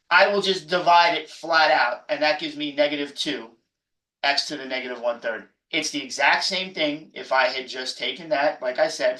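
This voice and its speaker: A man's voice: on the high side, bright, forceful tone. A man professor giving an exam review lecture, emphatic and jokey, often repeating himself. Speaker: math professor. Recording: echoey room, mic far off.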